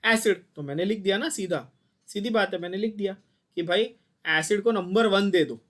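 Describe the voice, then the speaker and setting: Man, high voice, chemistry teacher, online class, blunt, quizzing. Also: moderate pace, a bit bright. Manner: mixes Hindi and English, quizzes students constantly, blunt and scolding.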